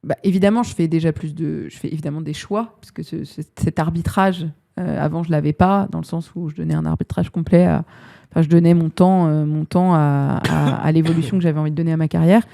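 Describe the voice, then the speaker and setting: A woman's voice: deep voice, steady tone, a little fast, creaky, mellow. A woman in her thirties, an HR director guest on a podcast, talking reflectively and searching for her words. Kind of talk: casual podcast interview.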